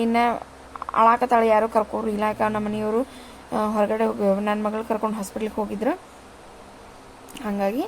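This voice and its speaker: A woman's voice: on the high side, a little hiss or hum, rough recording. A woman, chatting casually to viewers as she cooks in her home kitchen. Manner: chatty, rambling, addresses viewers with "ri". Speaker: vlogger. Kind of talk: casual cooking narration.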